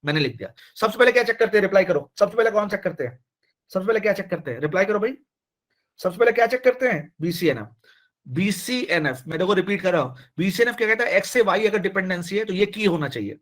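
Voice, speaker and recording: A man teaching a live online class, animated and repetitive, often urging students to reply. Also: sits high, fast.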